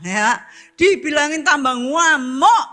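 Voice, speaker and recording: A woman's voice: sits high, lively intonation, slow pace, bright, forceful tone. A woman preacher, giving an emphatic sermon, repeating her phrases and speaking straight to her congregation.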